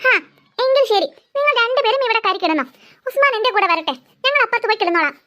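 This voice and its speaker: A woman's voice: very high voice, animated, fast, bright, forceful tone, heavily acted. A woman voicing a stern, sarcastic middle-aged mother in a cartoon, scolding her daughter. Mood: calm. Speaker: cartoon voice actor. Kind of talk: cartoon dialogue acting.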